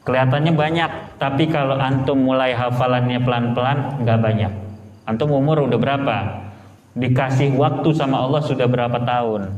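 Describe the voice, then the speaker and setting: A man's voice: mid-range voice, fairly even intonation, a little fast, a little mellow. A man preaching an informal sermon, joking and asking the audience questions. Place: prayer room. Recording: echoey hall with crowd.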